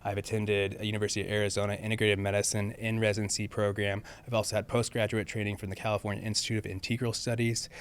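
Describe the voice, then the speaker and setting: A man in his forties, a family physician guesting on a podcast, talking emphatically and often tagging his sentences with "okay?". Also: lowish voice. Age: 40s. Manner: emphatic, peppers speech with "okay?". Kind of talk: casual interview talk.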